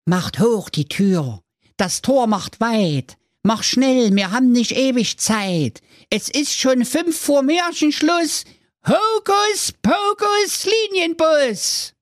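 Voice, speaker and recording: A man's voice: very high voice, expressive, takes it slowly, no room sound, studio quality, pitched above the performer's own voice, full character voice. A man voicing the youngest son, a theatrical magician who chants spells, in a radio comedy fairy tale. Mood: chanting. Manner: theatrical, grand, incantatory.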